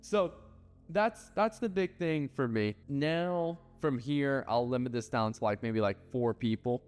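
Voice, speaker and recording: A man's voice: mid-range voice, unhurried, darkish tone, clear, resonant tone. A man giving casual business advice, blunt and loose, with lots of filler words and the odd swear. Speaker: ad agency owner. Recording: hall reverb with faint music.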